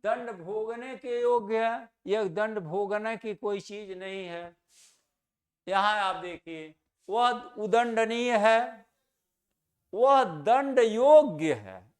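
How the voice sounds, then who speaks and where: Teaching Hindi grammar to exam candidates, a man with a high voice raises questions only to answer them himself. Key words get repeated slowly so their proper pronunciation stands out.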